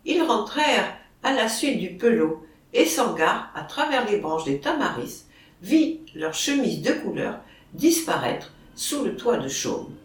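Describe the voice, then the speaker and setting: A reader narrating a novel in a measured, expressive storytelling manner. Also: mid-range voice. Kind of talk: audiobook narration. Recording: roomy, distant mic.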